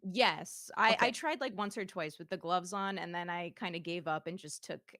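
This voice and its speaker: A woman VTuber guest chats casually on a livestream while demoing her streaming setup, giggling a lot. Her voice is lowish with a sharp tone at a normal pace, captured dry and studio-clean on a streaming microphone.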